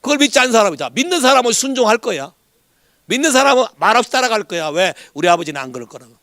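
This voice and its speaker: A man preaching a Sunday sermon as pastor, lively and animated, who keeps asking the congregation whether they agree and drops English words into his Korean. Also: very high-pitched, very fast, dry recording, clean studio sound. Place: church in Hawaii.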